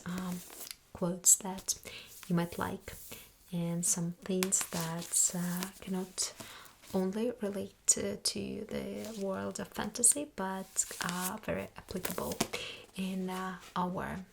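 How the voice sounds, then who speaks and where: Woman acting a slow, soft-spoken sassy librarian, ASMR role-play. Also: fairly low pitch. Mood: hushed, earnest. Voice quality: soft, breathy half-soft voice, like a library soft voice. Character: sassy, dismissive female librarian recommending books to a visitor. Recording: clear background noise with clicks.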